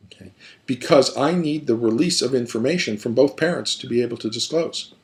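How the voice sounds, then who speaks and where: Here another male therapist talks through family dynamics in a lively, conversational manner, sometimes playing the people he mentions. He speaks a little fast in a mid-range voice.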